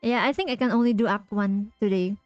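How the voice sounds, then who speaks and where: A woman's voice: medium pitch, a little fast, lo-fi sound, faint music behind. A woman streaming a video game, chatting casually and giggling while she talks to her viewers. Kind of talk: casual livestream commentary.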